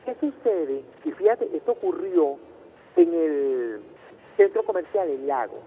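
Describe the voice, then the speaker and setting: A Venezuelan man with a Caracas accent calls in to a radio show. His voice sits high and comes through a tinny phone line with faint noise behind it. He talks insistently and keeps pressing his point. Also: animated, unhurried. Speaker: radio caller. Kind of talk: phone-in debate. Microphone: telephone.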